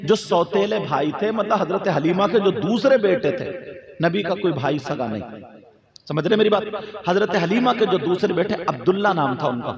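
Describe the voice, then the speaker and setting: High-voiced preacher guy getting fired up at a gathering, echoey pa, crowd in the background. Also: lively intonation, moderate pace, gravelly, lo-fi sound. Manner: impassioned storytelling, addresses the crowd directly. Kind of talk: emotional religious sermon. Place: outdoor religious gathering.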